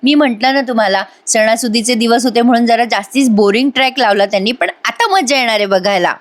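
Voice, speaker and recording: A woman narrates a recap of a TV serial, chatting straight to her audience. Her voice sits fairly high. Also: a little fast. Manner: chatty, addresses viewers directly. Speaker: TV serial reviewer. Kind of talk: voice-over episode recap.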